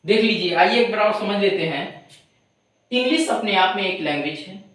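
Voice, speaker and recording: A woman teaching an English lesson, drilling pronunciation slowly and often checking whether the class follows. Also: mid-range voice, lively intonation, a bit bright, very echoey, distant mic, rough recording. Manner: drills words slowly, often asks if students understand. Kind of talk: classroom-style tutorial.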